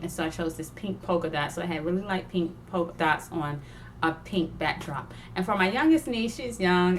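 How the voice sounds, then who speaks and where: A young woman chatting casually about her sewing projects, digressive and quick to laugh. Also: on the low side, a little hiss or hum. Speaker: sewing vlogger. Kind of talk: casual chat.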